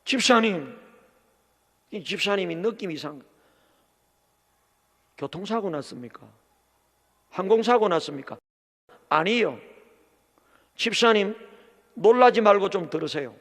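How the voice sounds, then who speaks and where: A middle-aged man preaching a sermon as pastor, telling a story with swings from shouting to hushed speech. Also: sits high, animated, measured pace, long pauses. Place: large church hall. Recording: long church hall reverb.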